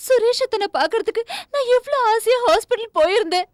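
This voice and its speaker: A woman's voice: very high voice, animated, brisk. An actress playing a tearful young daughter pleading with her father, in a TV serial. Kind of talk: TV serial acting.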